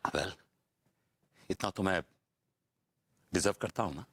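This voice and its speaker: A man's voice: sits low, slow pace, vocal fry, fairly bright tone, slightly rough, no room sound, clean studio sound, full character voice. An actor playing a pompous husband who drops English phrases while he argues and wheedles in a TV sitcom. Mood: wheedling. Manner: mixes English into pleading, pompous. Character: pompous self-important husband. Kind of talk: TV sitcom acting.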